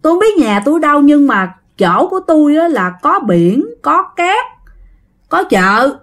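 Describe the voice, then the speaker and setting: A woman's voice: sits high, sing-song, pitched above the performer's own voice. Woman playing a tired old ghost man, weak feeble talk. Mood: weary. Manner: slow, feeble, tired speech.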